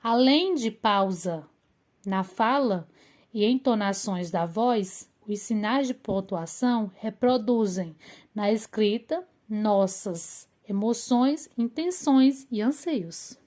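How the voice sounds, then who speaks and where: A woman teacher gives a remote lesson to young pupils, explaining slowly and deliberately and often adding "né" as she goes. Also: medium pitch, lively intonation, a little mellow. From Brazil. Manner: slow, deliberate explaining with fillers like "né".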